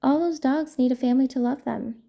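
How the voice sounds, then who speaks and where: A woman voicing a kind, approving mother in a children's picture book, speaking in a warm, praising way. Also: high voice, a little fast, vocal fry.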